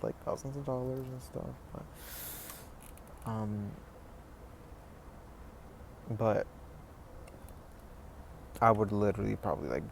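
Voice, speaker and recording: Young man, 20s, casual vlog monologue, fry in the voice, noisy room tone. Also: lowish voice. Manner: rambling, full of "like" and "you know", restarts. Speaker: vlogger. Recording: noisy background ambience.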